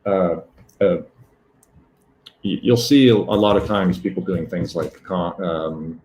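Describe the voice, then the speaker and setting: A man presenting a live technical demo, talking haltingly with many fillers and self-corrections. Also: low-pitched, steady tone, a little mellow, a little hiss or hum, low-quality recording.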